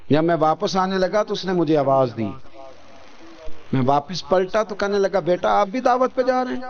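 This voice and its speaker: Male preacher, Pakistani Urdu accent, higher voice, dull lo-fi recording, storytelling sermon that keeps calling on the crowd. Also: a little mellow. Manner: asks the crowd for attention and responses; acts out story voices in shifting pitch.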